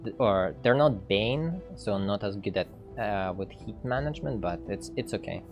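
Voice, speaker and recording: Male dev host, low voice, casual stream commentary, hesitant and chatty, quiet music behind. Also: animated, moderate pace, highs cut off. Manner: thinking aloud, hesitant with fillers, reads game text. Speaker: game developer streaming gameplay. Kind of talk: casual livestream gameplay commentary.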